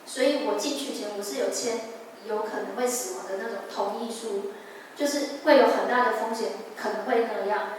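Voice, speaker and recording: A woman's voice: a little high, a little hiss or hum. Young woman testifying in an echoing hall. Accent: Taiwanese Mandarin. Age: young adult. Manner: earnest, halting, with restarts. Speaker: church member giving testimony. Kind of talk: personal testimony at a church service. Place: large church hall. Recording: echoey hall, mic far off.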